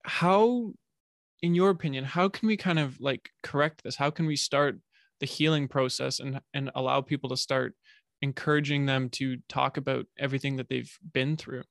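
A man's voice: mid-range voice, steady tone, moderate pace, vocal fry, a bit bright, no echo, clean studio sound. A man hosting a podcast in a casual interview, talking in a candid, conversational way. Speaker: podcast host.

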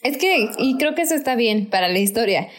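Young woman, podcast co-host, lively casual film chat, laughs easily, pops into high squeals. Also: brisk, background noise. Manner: animated, laughs often, acts out her own reactions in high squeals.

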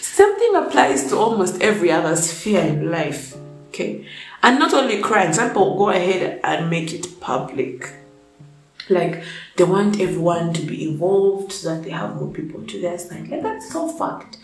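A woman's voice: on the low side, sing-song, moderate pace, reverberant, faint music behind, low-quality recording. A young woman who is sick and whose voice is off rants bluntly and profanely in a casual opinion vlog. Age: young adult. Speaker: vlogger.

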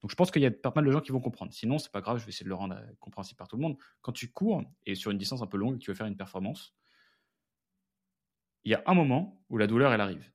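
A French man hosts his own podcast in a candid, chatty monologue. His voice sits low and he talks at a brisk clip. He speaks to listeners as friends, casual and direct. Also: lively intonation. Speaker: podcast host and founder.

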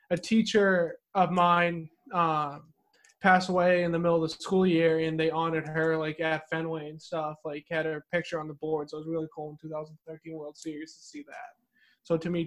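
A man co-hosts a sports podcast in a casual chat, telling a story earnestly but hesitantly with lots of fillers. His voice is a little high and fairly quick, with little pitch movement.

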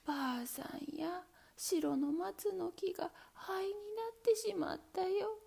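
A woman's voice: very high voice, slow pace, gravelly, pitched above the performer's own voice, full character voice. A woman doing a kind, cheerful old grandpa. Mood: gentle. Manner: bright, sing-song chanting. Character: kind, cheerful old man with magic ash.

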